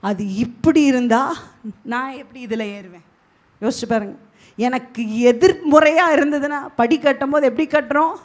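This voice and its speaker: A woman pastor preaching a sermon with emphatic delivery, swinging between loud and hushed. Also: sits high, moderate pace. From Tamil Nadu, India.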